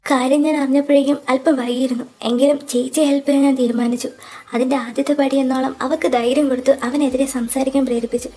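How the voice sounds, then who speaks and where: Woman playing a tearful college-age sister, high, soft, breathy delivery, audio drama. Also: level tone, quick pace. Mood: grim recounting. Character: tearful younger sister, college girl, loyal and wronged. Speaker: voice actor in fan audio drama.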